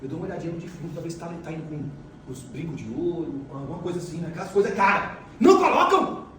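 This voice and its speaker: Fast, emphatic man in an echoey hall. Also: a little high, fairly bright tone. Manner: emphatic storytelling, repeating phrases for force. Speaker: motivational speaker. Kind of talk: motivational talk. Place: large echoey event hall. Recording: echoey hall, mic far off, faint noise.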